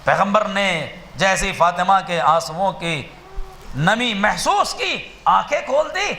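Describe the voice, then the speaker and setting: High, gravelly man preaching a mourning sermon. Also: expressive. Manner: dramatic storytelling that swells into wailing, shouted lament. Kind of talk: Urdu majlis sermon of mourning. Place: mourning gathering at a shrine.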